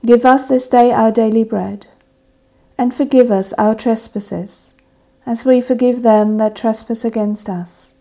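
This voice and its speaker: A woman with a mellow, slightly raised voice and a gravelly edge intones the liturgy of a church service. She leads the prayers and readings with a measured, solemn delivery. Her pace is very slow. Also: on the high side, steady tone. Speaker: service officiant.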